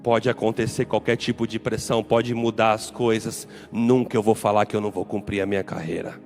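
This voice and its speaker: A man's voice: on the low side, little pitch movement, a little fast, a little mellow, faint music behind. A man with a Brazilian Portuguese accent, a pastor delivering a sermon in an emphatic, repetitive preaching style.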